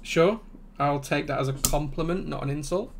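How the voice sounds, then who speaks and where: A man with a broad Yorkshire accent chatting casually as he hosts a livestream, relaxed and conversational. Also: fairly high pitch, normal speed, gravelly, slight background noise. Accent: broad Yorkshire English. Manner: relaxed, conversational, reading out chat comments. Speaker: livestream host and keyboard builder.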